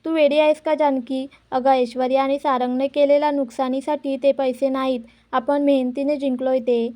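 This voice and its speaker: Angry young husband scolding his wife, mellow and high-pitched, as a woman reads him. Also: fairly even intonation, normal speed, lightly acted. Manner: irritated, scolding.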